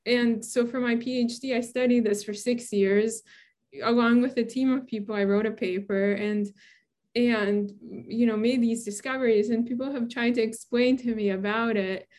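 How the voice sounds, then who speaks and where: A woman's voice: fairly high pitch, fairly even intonation, normal speed, darkish tone. A woman in her thirties from Brooklyn, a scientist answering interview questions in a chatty way and laughing often. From Brooklyn, New York. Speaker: guest scientist.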